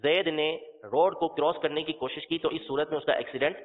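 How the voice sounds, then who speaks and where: A man's voice: a little high, steady tone. A man giving a religious lecture, explaining patiently, repeating his examples and spelling out terms letter by letter. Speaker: religious teacher. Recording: tinny phone-like sound with long reverb.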